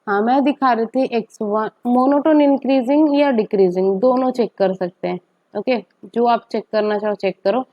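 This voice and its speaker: A woman's voice: a little high, moderate pace, lo-fi sound. A woman teacher gives a step-by-step maths lecture, often asking rhetorical questions and checking in with "okay".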